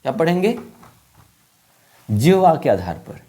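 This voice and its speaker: Slow-drilling man teaching a class. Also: a little high, sing-song, dark tone. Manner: slow, repeating points and asking questions. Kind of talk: classroom lesson to children.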